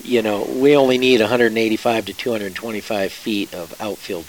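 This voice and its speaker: A man's voice: lowish voice, fairly even intonation, a little fast, slight background noise, low-quality recording. A man from the school side talking enthusiastically in a casual interview. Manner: enthusiastic, talkative.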